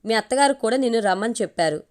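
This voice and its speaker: A woman's voice: a little high, expressive, rapid-fire, close to an everyday voice. A woman voicing an affectionate middle-aged mother in a read-aloud story, teasing and tender in turn.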